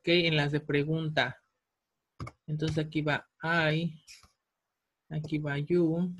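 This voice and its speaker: A man teaching English grammar in a recorded lesson, explaining patiently step by step and slowing down for the English examples. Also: a little high.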